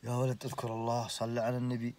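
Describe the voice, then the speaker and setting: A young Saudi man in his late twenties recounts a story in casual talk. He speaks with lively energy and keeps swearing oaths to stress his point. His voice sits at an ordinary male pitch. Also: quick pace. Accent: Saudi Arabic. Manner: animated, swears oaths, laughs through the story.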